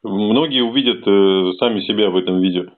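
A man's voice: on the low side, brisk. A man chatting casually as host of a phone call, blunt and repeating words for emphasis. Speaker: host taking phone calls. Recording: band-limited, tinny phone call sound.

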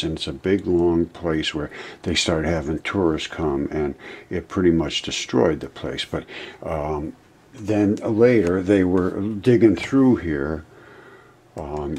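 A man's voice: low voice, a little mellow, slightly rough. A man giving a rambling informal video lecture in front of a screen, addressing viewers as his friends. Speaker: channel host presenting his own theory. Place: indoors in front of a monitor.

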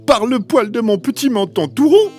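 A man voicing stubborn little pigs in a children's storybook, in a squeaky high voice over music. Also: big pitch swings, normal speed, a little mellow. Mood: defiant. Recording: music playing underneath.

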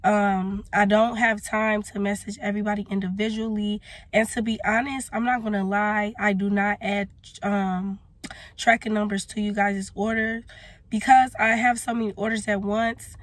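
Sitting in her parked car, a young small business owner talks straight to her phone camera, held close up, in a casual vlog, still hoarse after losing her voice. Her medium pitch barely moves and her pace is normal, with no room sound, as she defensively explains herself with hand gestures.

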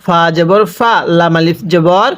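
Slow, smooth-voiced male Quran teacher. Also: high-pitched, a bit bright. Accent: Bangladeshi Bengali. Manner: patient, spells letters and vowels then drags out words. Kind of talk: slow spelled-out recitation lesson.

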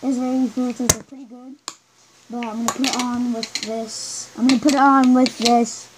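A woman reviewing gear while speaking through a gas mask, halting and unsure as she tries to talk louder. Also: a little high, level tone, noisy background. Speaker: product reviewer. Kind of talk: casual product review.

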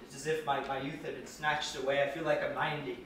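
A man acting a lonely, lovesick young writer, pleading and halting, recorded from far off in an echoey theater. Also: a little high, flat delivery, a bit bright, slight background noise, natural voice. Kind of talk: stage play performance. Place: theater stage. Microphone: distant room mic.

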